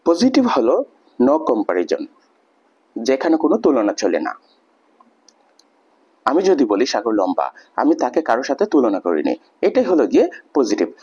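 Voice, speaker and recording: A man's voice: medium pitch, wildly swooping pitch, a little slow, long pauses, darkish tone, breathy edge, highs cut off. A man teaching an English grammar lesson, explaining patiently step by step with many examples.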